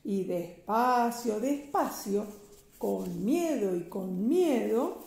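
An older woman with a Rioplatense accent reading a children's picture book aloud, slow, sing-song and expressive. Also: medium pitch, gravelly, roomy sound. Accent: Rioplatense Spanish. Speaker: storyteller grandmother.

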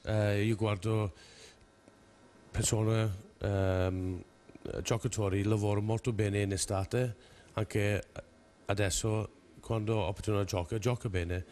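A man in his forties, a native English speaker with English-accented Italian, speaking haltingly in a studio interview as a rugby coach and searching for words. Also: fairly low pitch, fairly even intonation, a little mellow, slight background noise. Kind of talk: television interview. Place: television studio.

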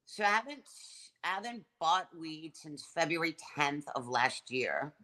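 A woman's voice: low-pitched, sing-song, a little slow, pushed and bright. A middle-aged woman joining a livestream by video call from her couch, giving short, offhand answers. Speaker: streamer guest. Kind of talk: casual livestream chat. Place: living room couch, indoors. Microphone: phone camera on video call.

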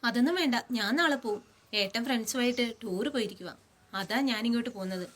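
A woman playing a young married daughter home on a visit, gently speaking up for her sister-in-law. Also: a little high, fast talker. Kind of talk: comedic short-film acting.

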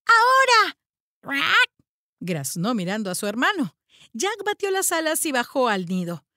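A woman storyteller reading a children's book aloud with dramatic, sing-song delivery. Her voice sits high and swings widely in pitch. The recording is dry and close. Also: sing-song, moderate pace, fairly bright tone, no room sound.

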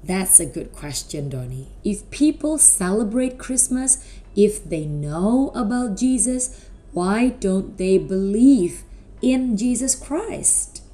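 A middle-aged woman talking to children like a kids show host, animated, with simple questions and drawn-out words. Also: mid-range voice. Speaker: children's presenter at a school Christmas service.

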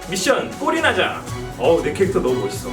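A man giving playful, theatrical gameplay commentary and coaching as host, quick to break into excited squeals. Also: high voice, far from the mic. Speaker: host, voice actor playing a game. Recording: echoey room, off-mic, loud game music.

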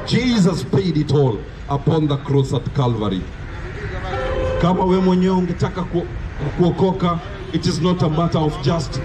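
A young Kenyan man preaching an open-air street sermon with call-and-response rhythm, mixing English and Swahili. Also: high-pitched. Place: outdoors on a dirt street corner in town. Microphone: far camera. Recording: distant outdoor mic with street noise.

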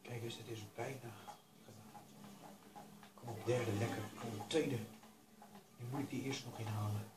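A man giving casual commentary over his own racing game, talking to himself and urging himself to stay calm. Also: medium pitch, normal speed, pauses often, echoey room, heavy background noise. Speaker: gaming YouTuber.

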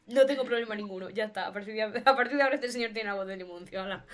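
Playful higher-voiced woman from Spain. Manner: expressive and playful, laughing often. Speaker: podcast co-host. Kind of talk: casual chat.

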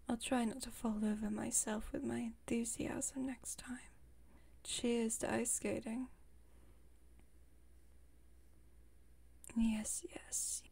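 In an intimate ASMR roleplay, a woman plays a haughty, playful vampire, whispering in a breathy, mellow voice of fairly high pitch. Her delivery is fairly even, mixing formal, wry teasing with a protective streak. The mood here is dry and teasing.

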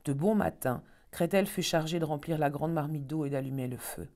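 Low-voiced woman reading a fairy tale. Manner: expressive, measured. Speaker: storyteller.

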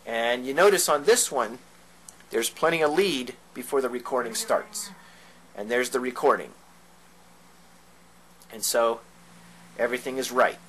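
A man demonstrates vintage tape equipment in an informal, hands-on home video tutorial, explaining each step as he goes. His mid-range voice is fairly bright, unhurried, and full of pauses. The recording is low quality, with background noise.

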